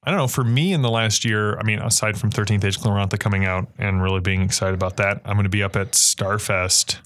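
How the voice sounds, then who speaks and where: A man's voice: on the low side, fairly even intonation, quick pace, fairly bright tone. A man hosting a casual podcast chat, steering the talk and often chiming in with short agreements. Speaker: podcast host.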